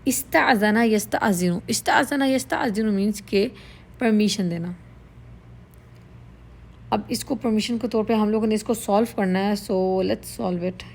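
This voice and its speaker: A woman's voice: medium pitch, creaky, darkish tone. A woman teaching Arabic vocabulary, explaining words patiently in Urdu mixed with English and repeating them. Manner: patient, explains each word slowly and repeats it.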